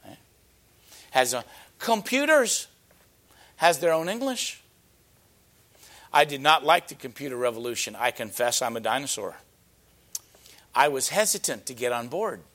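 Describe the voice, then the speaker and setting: A middle-aged man preaching a sermon, emphatic and rhetorical, answering imagined objections and rising to loud peaks on key points. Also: mid-range voice, big pitch swings, moderate pace, long pauses.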